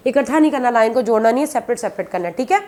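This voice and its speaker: High-voiced woman teaching biology. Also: expressive, racing, darkish tone. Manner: repetitive, explanatory, calls students "beta". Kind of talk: classroom lecture.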